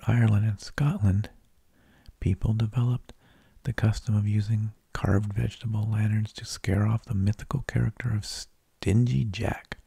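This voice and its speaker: Close to the microphone, a male ASMR host whispers a narration, unhurried, stretching out his phrases and leaving pauses. The whisper is hushed, breathy, and mostly unvoiced, with a gravelly creak, and sits fairly low. There is no echo.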